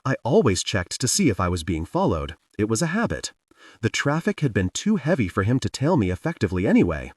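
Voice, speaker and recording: A man narrating a first-person audiobook with wry, lively storytelling. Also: lowish voice, fairly quick, dry recording, studio quality, distant mic.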